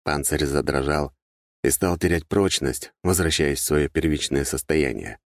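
Deep-voiced male audiobook narrator. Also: normal speed, dry recording, clean studio sound. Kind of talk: first-person audiobook narration.

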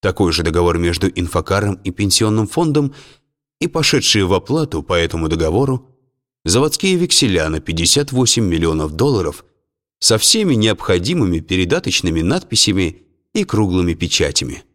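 Deep-voiced male audiobook narrator. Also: very animated, a little fast, fairly bright tone.

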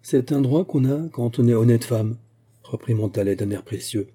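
A man's voice: mid-range voice, moderate pace, mellow, breathy edge, lightly acted. A man reading aloud and voicing a young lady-in-waiting who speaks in an affected, precious way. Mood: prim.

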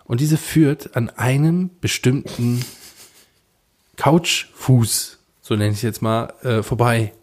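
A podcast co-host with a mid-range voice tells a story slowly during a casual chat, his speech full of fillers and restarts.

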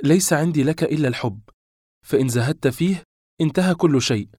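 A man voicing a hurt, sharp-tongued young woman. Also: a little high, quick pace, dry recording, clean studio sound, pitched above the performer's own voice, lightly acted. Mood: pleading. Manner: sharp, urgent questioning. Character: distressed young woman confronting her lover.

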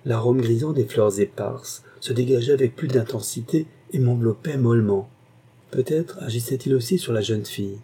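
A man narrating a classic novel in a measured, expressive reading. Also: mid-range voice, husky. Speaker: audiobook narrator. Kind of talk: literary narration.

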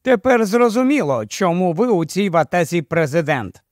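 A man's voice: high-pitched, sing-song, moderate pace, dry recording, clean studio sound. A man voicing a biting, sarcastic widow. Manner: biting, mocking. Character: sharp-tongued sarcastic widow, cosmetics saleswoman.

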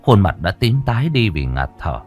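A man's voice: fairly low pitch, big pitch swings, normal speed, a little mellow, highs cut off, faint music behind. A man narrating a horror story in a dramatic, vivid manner, lingering on grim details.

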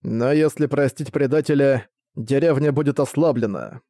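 A man's voice: mid-range voice, normal speed, dark tone, no echo, studio quality, natural voice. A man voicing a cold, scheming older male ninja commander who speaks in a level, icy way.

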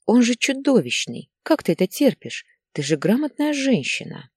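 A woman's voice: fairly high pitch, very animated, moderate pace, slightly rough, no room sound, clean studio sound, pitched above the performer's own voice. A woman voicing a tired, resentful adult daughter who speaks sharply and with reproach, in an audiobook story. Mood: reproachful.

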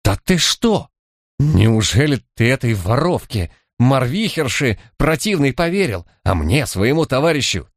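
A man voicing a panicky, self-pitying male detective who talks in a shrill, defensive way. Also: big pitch swings, unhurried, dry recording, studio quality. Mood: shrill, protesting. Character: panicky, whining middle-aged male detective.

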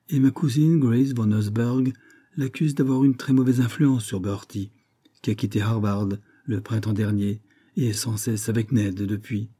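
A man's voice: on the low side, natural voice. A man voicing an anxious, kindly young woman who gossips and fusses over her friend, in an audiobook reading. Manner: fretful gossiping, gently fussing.

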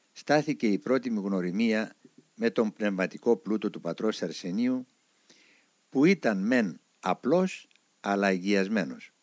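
A man reading a spiritual memoir aloud as narrator, with expressive storytelling. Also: on the low side, no echo.

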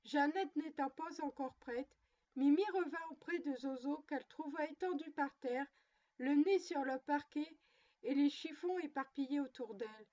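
A woman reading a children's story aloud in a gentle storytelling manner. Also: high voice, moderate pace. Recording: dull, lo-fi recording.

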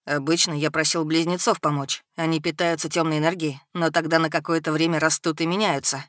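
A woman voicing a timid boy who is a dark tower spirit, speaking in a hesitant, subdued way. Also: sits low, steady tone, a little fast, no echo, clean studio sound.

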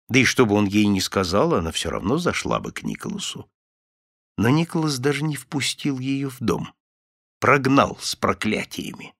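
A man narrating a fairy tale as an audiobook, with an animated, expressive reading. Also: medium pitch, vocal fry, no echo, studio quality.

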